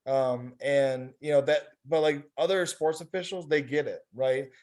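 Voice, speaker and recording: A man's voice: on the high side, steady tone, unhurried, a little mellow. A man leading a focus group discussion, talking casually and rambling with many fillers over a video call. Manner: rambling, heavy on fillers like "you know".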